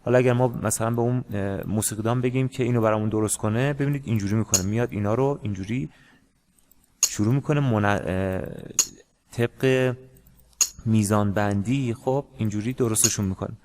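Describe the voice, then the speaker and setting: Man, music teacher, casual lesson, hesitant with fillers, somewhat low voice. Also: slight background noise. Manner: hesitant, many pauses and fillers. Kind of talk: casual screen-share lesson.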